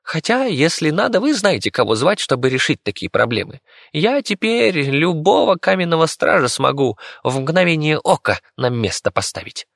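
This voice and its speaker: A man voicing a boastful male rat companion who squeaks shrilly. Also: big pitch swings, moderate pace, gravelly, a bit bright, no room sound, clean studio sound, exaggerated voice. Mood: cocky.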